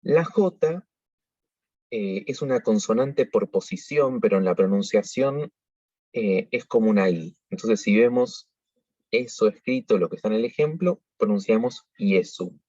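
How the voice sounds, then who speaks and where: A man teaching pronunciation in a measured, explanatory way, pausing often to think. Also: lowish voice, animated, warm tone, no room sound. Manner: measured, explanatory, with frequent hesitations. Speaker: liturgical singing workshop teacher. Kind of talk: pronunciation tutorial. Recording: dull lo-fi recording.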